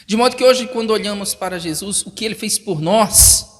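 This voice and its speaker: A man's voice: high voice, a little fast. Preacher man, ringing hall. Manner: emphatic preaching, swelling louder on key phrases. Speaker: pastor. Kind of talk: sermon. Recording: long reverb of a large hall.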